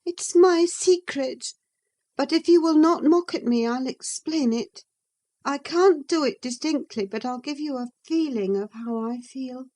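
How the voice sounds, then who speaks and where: Reading an audiobook, a woman voices a passionate, willful young woman, pitching her warm voice high, above her own natural range. The delivery is measured in pace yet impassioned, with emphatic feeling.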